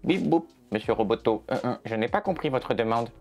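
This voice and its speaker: A man's voice: mid-range voice, lively intonation, fairly quick, darkish tone, soft background music. A mock robot assistant talks in a stiff, beeping machine voice, as a man puts it on. The robotic delivery is played for comedy in a short skit. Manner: stiff robotic imitation, beep-boop voice. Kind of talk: comic skit in a film review video.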